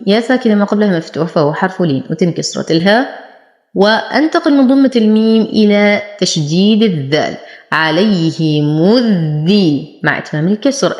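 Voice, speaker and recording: A woman gives a patient recitation lesson, naming each rule before she draws out the words slowly. Her voice sits at a middle pitch. The room around her is echoey. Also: a little mellow. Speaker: Quran recitation teacher. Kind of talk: slow tajweed lesson with drawn-out recitation.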